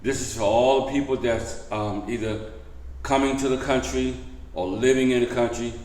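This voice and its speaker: A man's voice: medium pitch, fairly even intonation, normal speed, darkish tone. A man hosting a vlog, giving a casual update to viewers and repeating key points with emphasis. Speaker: vlog host. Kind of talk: casual news update to camera. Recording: echoey room.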